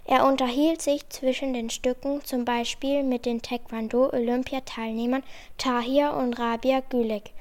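A woman narrating a scripted news report in a steady read-out manner. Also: high voice, unhurried.

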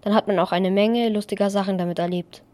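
A woman presenting a scripted school news segment in a lively, playful way. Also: mid-range voice, fast talker.

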